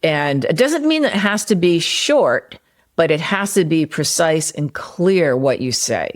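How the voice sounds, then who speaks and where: A woman hosting a solo podcast, explaining marketing ideas in a conversational way with everyday examples. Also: sits low. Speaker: podcast host and copywriter; former personal trainer.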